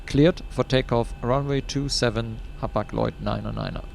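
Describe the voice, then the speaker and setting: Gravelly man making pilot radio calls. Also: mid-range voice, steady tone, normal speed, darkish tone, slight background noise. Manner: clipped radio phraseology. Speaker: flight sim pilot. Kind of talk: pilot radio readbacks into a headset mic.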